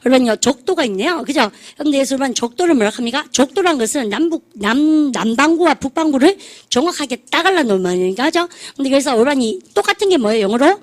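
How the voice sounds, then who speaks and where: Woman English teacher, slightly high voice, chatty classroom lecturer who drills students. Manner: chatty, drills students with call-and-response, laughs at own jokes.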